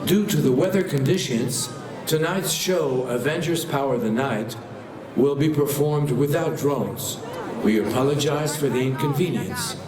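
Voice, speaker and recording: A man making a formal service announcement over a PA system, speaking slowly and politely. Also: medium pitch. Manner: slow, formal, apologetic. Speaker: park announcer. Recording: echoey loudspeaker from far off with crowd.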